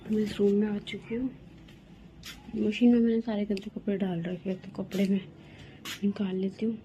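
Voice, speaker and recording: A woman's voice: medium pitch, flat delivery, normal speed, mellow, lo-fi sound, slight background noise. Young woman chatting in a home vlog. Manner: chatty, coaxing her toddler in a sing-song voice. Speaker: vlogger. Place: home rooms, indoors.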